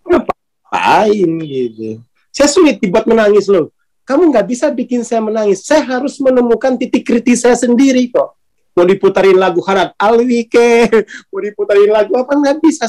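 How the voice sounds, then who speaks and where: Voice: medium pitch, lively intonation, normal speed, dark tone, low-quality recording. A speaker on a spiritual channel giving a casual talk, informal and colloquial, often laughing between points. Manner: colloquial, with many tag words at sentence ends.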